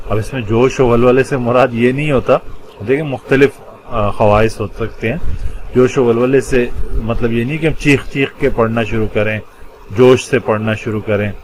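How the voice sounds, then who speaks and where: A man teaching a religious lesson in Urdu, explaining Arabic word patterns. He goes patiently, pausing often and stressing key words. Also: medium pitch, a little hiss or hum, rough recording. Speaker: Quran teacher.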